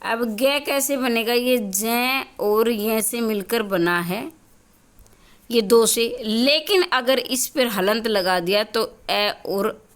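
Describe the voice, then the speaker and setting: This is a classroom-style grammar lesson from a woman whose voice is a little high and whose pace is slow. Working step by step, she answers her own questions and keeps repeating the key points for her students.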